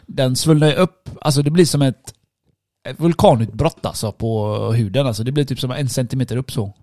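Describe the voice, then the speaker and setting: A man's voice: medium pitch, dark tone, dry recording, studio quality. A worn-out man in casual chat, telling a story with lots of swearing. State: tired, worn out.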